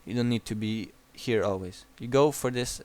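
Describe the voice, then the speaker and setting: A young man with a Croatian accent bluntly coaches a player through a game replay, swearing casually and often restarting his sentences. His voice is medium-pitched with a darkish tone, at normal speed.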